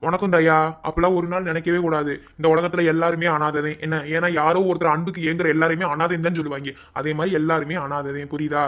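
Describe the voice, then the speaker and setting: Brief: a man playing a quick-talking, high-voiced Madurai villager who teases his friends. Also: flat delivery, a bit bright, natural voice. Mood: advising. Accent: Madurai Tamil. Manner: blunt, teasing, slangy.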